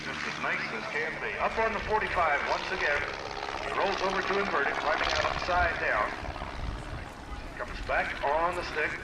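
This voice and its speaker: A man's voice: fairly high pitch, moderate pace. Male airshow commentator over aircraft noise. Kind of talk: live airshow commentary, calling maneuvers. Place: outdoor airshow. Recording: noisy outdoor PA with aircraft engines. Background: propeller aircraft engine noise.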